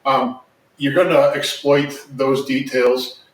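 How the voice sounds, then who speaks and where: Male podcaster, mid-pitched, casual emphatic sports talk, roomy sound. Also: steady tone, slow pace, distant mic. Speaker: podcast host, former football player. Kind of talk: casual conversational commentary. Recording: echoey room, off mic.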